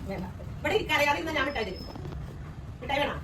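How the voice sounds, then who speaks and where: A woman with a high, quick voice playfully quizzes a small child about his family. She sounds a little distant in an echoey room, with noise around her. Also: expressive. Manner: playful teasing questions to a child.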